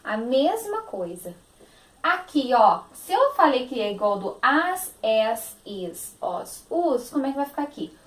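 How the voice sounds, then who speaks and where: A woman's voice: high-pitched, very animated, a little slow, roomy sound. A woman teacher with a Brazilian Portuguese accent, giving a phonics lesson to young children, stretching out words in a sing-song, affectionate manner.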